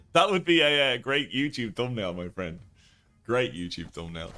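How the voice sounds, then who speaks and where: A man's voice: mid-range voice, very animated, moderate pace, pushed and bright. A man casually commenting on his own card game as he plays live, thinking aloud and greeting viewers in chat. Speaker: streamer and YouTube host.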